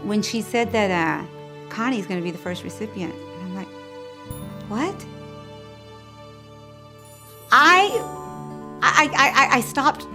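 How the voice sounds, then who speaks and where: A woman's voice: mid-range voice, normal speed. A woman interviewed for a documentary, recounting a personal story with heartfelt emotion and acting out what people said. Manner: heartfelt, reenacts dialogue in animated voices. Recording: guitar music underneath. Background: guitar music.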